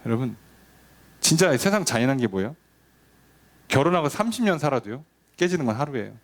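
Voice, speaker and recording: Lively-voiced male pastor preaching. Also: medium pitch, a little fast. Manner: conversational, asks rhetorical questions, acts out quoted lines. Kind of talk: sermon.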